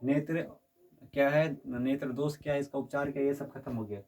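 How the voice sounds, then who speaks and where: This classroom lecture features a man teaching physics, speaking briskly in a steady, mid-range voice that sounds a little mellow. He constantly asks his students questions to confirm they're keeping up, and the recording captures him from a distance.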